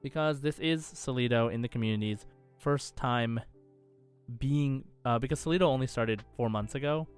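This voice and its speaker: Conversational and upbeat, a male podcast co-host talks games and reads listener comments aloud at a moderate pace. His voice is medium-pitched and clean, with faint background music.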